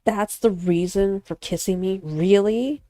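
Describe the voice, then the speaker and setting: A woman's voice: medium pitch, measured pace, warm tone, no room sound, voice pushed up, lightly acted. A woman voicing an irritable young male actor who snaps angrily at his rival. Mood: annoyed. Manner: irritated, snapping. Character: hot-tempered young male actor narrator.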